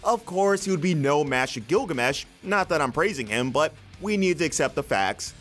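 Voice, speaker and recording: Man narrating a countdown, lively pitch swings. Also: normal speed, soft background music. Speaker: narrator of an anime countdown video.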